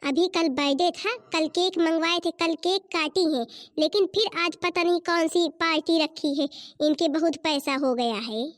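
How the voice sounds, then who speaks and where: A woman playing a resentful young daughter-in-law in a cartoon, complaining and indignant about her in-laws. Her voice is high and dry. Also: normal speed, few pauses, dry recording.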